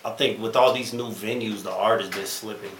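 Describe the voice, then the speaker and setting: A man's voice: on the low side, fairly even intonation, a little fast, a bit bright. A man in his thirties, a stand-up comedian guest, talking casually in a laid-back drawl full of slang. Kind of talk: casual podcast chat. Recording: echoey room with faint noise.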